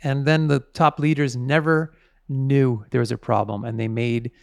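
Guy explaining stuff in an interview, creaky gravelly voice, really dry sound, stresses key words. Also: mid-range voice, steady tone, normal speed, no echo. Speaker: author interviewed as a guest.

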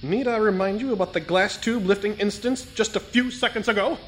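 An actor playing a pompous, eccentric detective who speaks formally and teases his partner deadpan. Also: high voice, brisk, slight background noise. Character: pompous eccentric male detective, dryly teasing.

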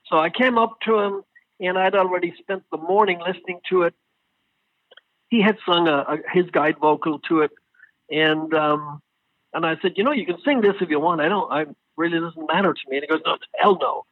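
A man being interviewed as a guest singer, telling stories in a casual, animated way and acting out what others said. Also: a little high, fairly quick, no room sound. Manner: animated storyteller, acts out quoted exchanges. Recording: tinny phone line.

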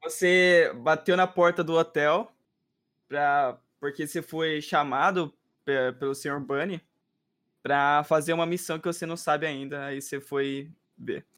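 High-voiced man narrating as game master. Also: fairly even intonation, unhurried, fairly bright tone, smooth. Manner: describes scenes and voices characters in passing.

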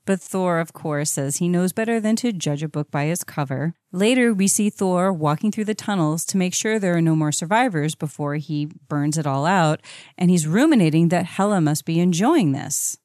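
A woman's voice: lowish voice, normal speed, a little mellow, dry recording, studio quality. A woman co-hosting a conversational comic-book recap show. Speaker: podcast co-host.

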